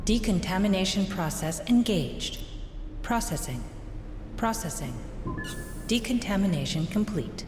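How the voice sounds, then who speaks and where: Game clip: a ship's computer voice making system announcements, clipped and flat, set in a roomy echo. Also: female voice, medium pitch, a little slow, long pauses. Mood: procedural. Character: female ship computer announcing decontamination. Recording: echoey hall with music, from a game clip.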